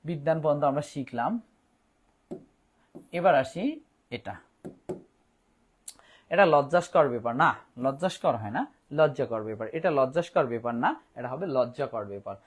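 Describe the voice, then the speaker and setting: A man teaching an online Bangla grammar class, slowing down to spell words out letter by letter, with fillers and restarts. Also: medium pitch, expressive, husky.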